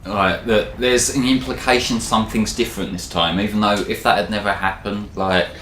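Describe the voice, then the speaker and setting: A man's voice: lowish voice, steady tone, brisk, fairly bright tone, roomy sound, soft background music. A man giving casual commentary on a video game with a co-host, rambling with lots of fillers and frequent laughs. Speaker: let's play commentator.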